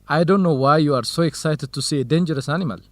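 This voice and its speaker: Speaking with an Ethiopian accent, an actor portrays a male researcher in an educational radio drama who is orderly, courteous and softly grumbling, laying things out in a measured, explanatory manner. His natural voice runs a little high in a dry recording, and the mood is teasing yet courteous.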